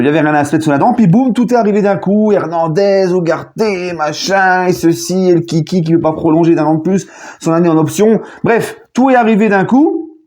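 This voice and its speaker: A man chatting casually in a video debrief as a football fan, jokey and animated, with sudden loud outbursts. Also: high-pitched.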